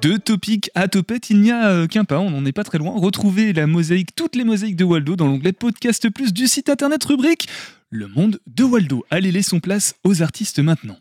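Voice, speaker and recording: A man's voice: high-pitched, big pitch swings, brisk, a little mellow, no echo, clean studio sound, soft background music. A man hosting a radio interview in a friendly, informal way, reading details from his notes. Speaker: radio host.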